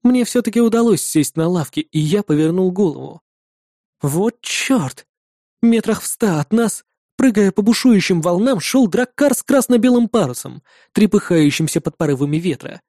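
A man reading a first-person fantasy adventure in a steady storytelling manner. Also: high-pitched, normal speed, dry recording, clean studio sound. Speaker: audiobook narrator.

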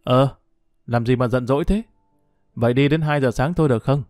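A man's voice: mid-range voice, a little fast, a little mellow, no echo, clean studio sound, soft background music, close to an everyday voice. A man voicing a cheeky, pushy young friend in a narrated audio story, talking in a brash, mocking way. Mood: teasing. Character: cheeky young male buddy, teasing and pushy.

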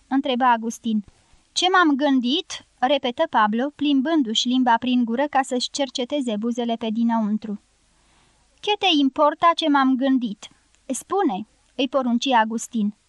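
A woman's voice: high-pitched, no room sound. A woman narrating an audiobook novel, reading every character's dialogue in her own voice.

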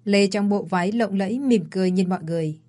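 A woman's voice: medium pitch, quick pace, mellow. A woman narrating a dramatic audio story in an emotive storytelling manner.

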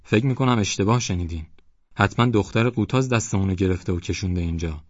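A man reading an audiobook, voicing a gruff, swaggering male village headman with a husky, sleepy voice and a bossy, boastful manner. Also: lowish voice, dry recording, muffled recording, lightly acted. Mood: dismissive.

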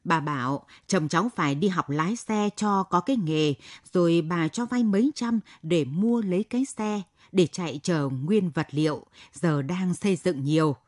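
A woman's voice: fairly low pitch, moderate pace, few pauses, darkish tone, dry recording, clean studio sound, lightly acted. A woman voicing a cheeky, talkative young village woman who chatters in a gushing rush.

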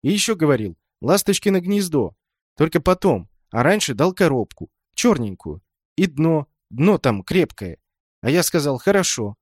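A man's voice: on the high side, sing-song, moderate pace, dry recording, studio quality, voice pushed up. A man playing an earnest, bewildered little boy. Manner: earnest, explaining. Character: small bewildered boy, earnest and eager to help.

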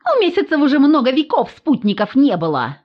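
Woman doing a shrill whiny village girl. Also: wildly swooping pitch, brisk, lo-fi sound. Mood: indignant. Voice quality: shrill, squealing. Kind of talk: audiobook character voice.

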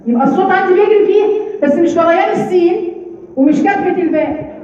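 A woman's voice: very high-pitched, fast talker, mellow. A woman with an Egyptian accent teaching recitation, explaining patiently, demonstrating letter sounds and checking understanding. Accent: Egyptian Arabic. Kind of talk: informal lesson explanation. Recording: echoey, distant, dull room recording.

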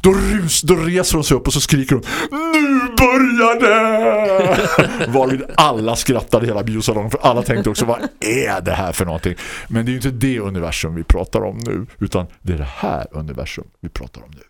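A man hosting a casual chat, telling a story in a lively way and laughing often. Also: hardly any pauses. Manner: animated, laughing storyteller with big swings in pitch. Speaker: host.

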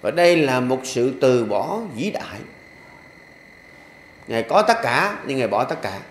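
Older monk, Southern Vietnamese accent, echoey hall. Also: male voice, medium pitch, very animated, a little slow, a little hiss or hum. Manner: folksy and joking, with repeated rhythmic refrains. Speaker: Buddhist monk giving a dharma talk. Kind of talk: sermon. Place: temple hall. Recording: echoey hall with faint ambience.

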